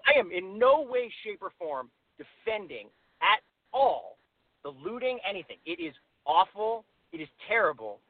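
A man's voice: high-pitched, very animated. A man calling in to a radio show, reasoning out his argument with frequent "right?" asides. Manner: reasoned, measured arguing with many "right?" asides. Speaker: caller. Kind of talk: call-in debate. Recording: dry, tinny phone line.

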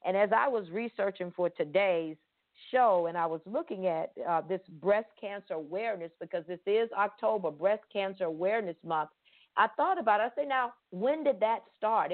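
A middle-aged woman from Florida hosts a faith-based podcast with earnest enthusiasm. She leans on repeated words for emphasis, in an ordinary middle pitch. Her voice is thin and tinny, as if heard over a phone. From Pensacola, Florida. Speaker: podcast host.

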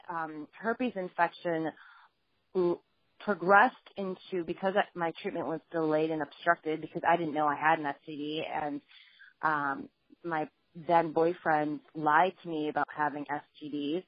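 A woman with a fairly low voice tells her story earnestly over a dull, lo-fi phone line. The sound is close and dry, with no room around it. Her manner is steady and matter-of-fact. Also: no echo. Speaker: guest journalist and author. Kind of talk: phone interview, personal story.

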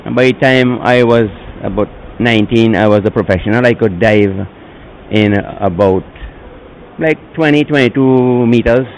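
Older man, retired diver turned sanctuary keeper; slow storytelling, voice jumps high at times. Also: a little hiss or hum, rough recording. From Bequia, Saint Vincent and the Grenadines. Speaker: turtle sanctuary keeper, interviewee. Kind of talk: interview answers.

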